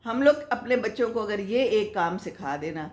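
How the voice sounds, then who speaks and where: A woman's voice: medium pitch, lively intonation, darkish tone. An older woman hosting a casual advice talk, answering viewer comments in a chatty, motherly, moralizing way and laughing often. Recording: echoey room.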